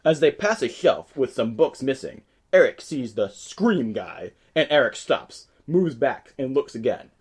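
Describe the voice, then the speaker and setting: A man reading stage directions aloud in a script table read, with a lively, expressive delivery. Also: medium pitch, unhurried, hardly any pauses, breathy edge.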